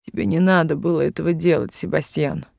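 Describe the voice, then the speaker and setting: A man reading the lines of a grieving elderly factory worker, in halting, tearful speech, in a dry room. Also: fairly high pitch, fairly even intonation, creaky, a little mellow, dry recording. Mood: anguished.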